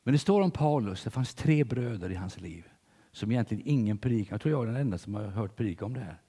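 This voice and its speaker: An older man preaching a sermon in church, telling stories with big swings between loud and hushed delivery. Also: fairly low pitch, animated, husky, long reverb tail.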